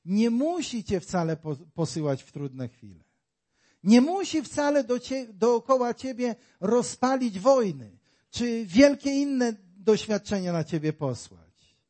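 A male preacher with a high-pitched voice delivers a very animated sermon at an unhurried pace. He swings between loud exclamations and quiet asides with emphatic rises, speaking directly to the congregation and working it with rhetorical questions.

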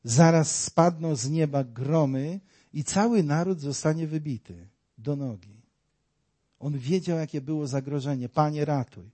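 A man's voice: on the high side, a little slow, dark tone. A man preaching a sermon, dramatic and full of rhetorical questions, acting out the voices in his story.

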